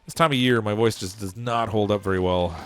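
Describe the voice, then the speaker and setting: During a casual game livestream, a man with a lowish voice talks briskly, musing out loud and chuckling often. The audio carries a little hiss or hum. He's in the process of losing his voice.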